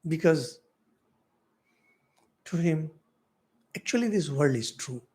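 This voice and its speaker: Animated Indian man lecturing with swooping pitch. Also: slow. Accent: Indian English. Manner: animated, rhetorical questions, wide swings in pitch and loudness. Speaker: monk teaching spiritual philosophy. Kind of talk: spiritual lecture.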